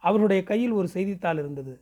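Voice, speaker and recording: A man's voice: lively intonation, brisk, dark tone. A man from Pondicherry reading a novel aloud, narrating and giving the characters' dialogue livelier voices. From Pondicherry, India. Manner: raises pitch and speeds up for characters' dialogue. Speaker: audiobook narrator.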